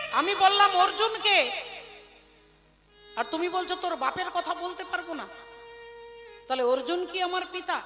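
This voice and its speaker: A woman's voice: very high voice, long reverb tail. A woman voicing a young male warrior prince who presses his mother with insistent, pleading questions during a devotional kirtan storytelling. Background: devotional instruments.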